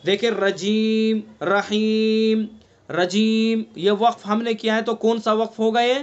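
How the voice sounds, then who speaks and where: A man from India teaches an online Quran recitation class in a high-pitched voice. He repeats each term and keeps checking the students with questions. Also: flat delivery, muffled recording. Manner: explains slowly, repeats terms, quizzes students with questions. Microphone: online class recording.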